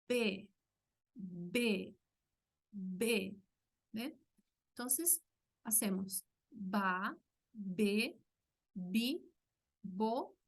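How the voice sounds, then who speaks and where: Slow, patient woman teaching language sounds. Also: on the high side. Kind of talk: online language lesson.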